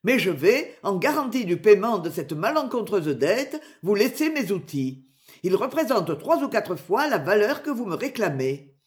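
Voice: mid-range voice, big pitch swings, moderate pace, close to an everyday voice. A reader voicing an angry, blustering middle-aged tinker who has been robbed, in an audiobook. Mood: indignant. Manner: loud, blustering, complaining. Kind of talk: audiobook character voice.

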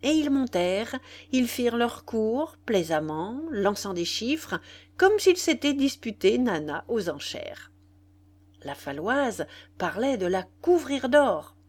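A woman narrating a classic novel as an audiobook with an expressive, dramatic reading. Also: fairly high pitch, slow. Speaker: audiobook reader.

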